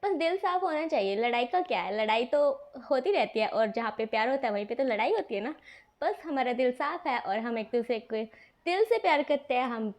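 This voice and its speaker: A woman's voice: on the high side, animated, fairly quick, natural voice. A woman voicing a cheerful, affectionate middle-aged mother who speaks fondly and reassuringly in a storybook reading. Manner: fond, reassuring.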